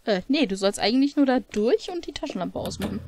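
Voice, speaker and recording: A woman's voice: a little high, expressive, quick pace, darkish tone, a little hiss or hum. Chatty woman playing a horror game. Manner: chatty, reads game text aloud. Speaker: let's play host. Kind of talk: casual game commentary.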